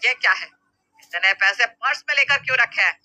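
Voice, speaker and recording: A woman doing a loud scolding mother-in-law. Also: fairly high pitch, expressive, a little fast, low-quality recording. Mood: stern. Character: stern scolding middle-aged mother-in-law.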